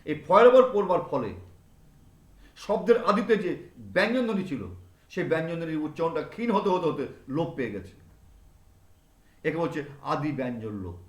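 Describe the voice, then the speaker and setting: A man's voice: a little high, lively intonation, brisk, pauses often. A male teacher giving a classroom grammar lesson, repeating example words over and over to drill them in. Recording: echoey room.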